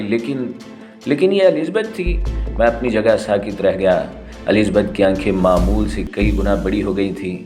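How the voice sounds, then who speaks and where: Low-voiced male audio-novel narrator. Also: a little mellow.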